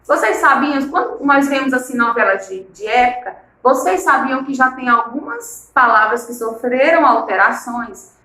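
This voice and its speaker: Brazilian teacher lady from maranhão, bright voice, keeps asking the class questions, roomy echo. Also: high-pitched, lively intonation, moderate pace, hardly any pauses. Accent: Maranhão Brazilian Portuguese. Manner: explanatory, asks the class rhetorical questions. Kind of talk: recorded online class lesson.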